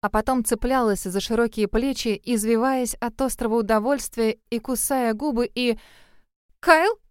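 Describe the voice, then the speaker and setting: A woman narrating a first-person story in a lively, wry, emotive way. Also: fairly high pitch, normal speed, clean tone, dry recording, clean studio sound. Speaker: audiobook narrator.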